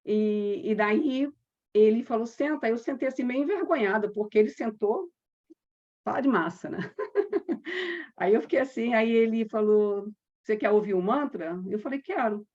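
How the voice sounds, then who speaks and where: A woman from Brazil, a yoga teacher, telling a personal story with quoted dialogue and slow chanted mantras. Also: on the high side, animated, a little mellow. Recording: dull lo-fi sound.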